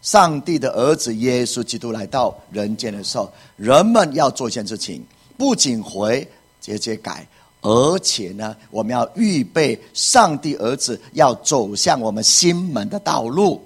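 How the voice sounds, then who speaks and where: Pastor, male, husky voice, emphatic sermon delivery with repetition. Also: mid-range voice, very animated, unhurried. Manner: emphatic preaching with repeated phrases and rhetorical questions.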